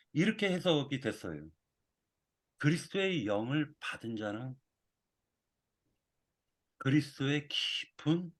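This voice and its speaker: A man giving a sermon with a measured, reflective delivery. He pauses often and restarts phrases as he works through a thought. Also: mid-range voice. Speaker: preacher.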